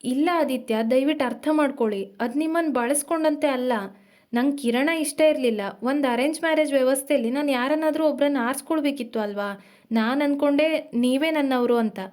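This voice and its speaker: Audio drama: tense young woman confessing in a hurried, strained rush, high and quick, as the reader puts her on. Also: a little mellow, close to an everyday voice. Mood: pleading.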